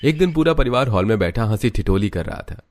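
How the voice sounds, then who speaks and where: Man, cartoon story narrator, even storytelling, lower voice. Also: fast.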